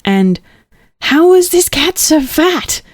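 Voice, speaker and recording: Here a woman with a high, very animated voice reads a children's storybook slowly and playfully. At suspenseful points she drops to a whisper. The sound is studio quality, with no echo.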